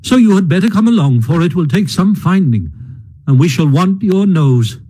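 A man's voice: a little high, big pitch swings, takes it slowly, mellow, breathy edge, exaggerated voice. A man reading aloud and voicing a hearty, kindly male water rat who urges on his friend. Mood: hearty, brisk. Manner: hearty, bossy, cheering.

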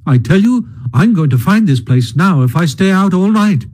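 A man's voice: a little high, big pitch swings, takes it slowly, warm tone, slightly rough, full character voice. A man reading aloud and voicing a hearty, kindly male water rat who urges on his friend. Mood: hearty, brisk. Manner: hearty, bossy, cheering.

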